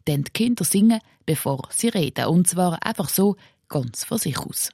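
A woman with a Swiss German accent, a radio reporter reading scripted narration and asking interview questions in a measured way. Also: on the low side, lively intonation, vocal fry, dark tone, slightly rough, dry recording, clean studio sound.

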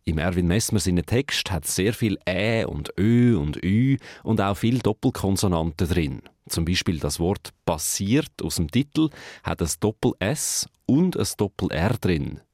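Deep-voiced radio presenter. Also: male voice, lively intonation, measured pace, a little mellow, no room sound, clean studio sound. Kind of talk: scripted radio narration.

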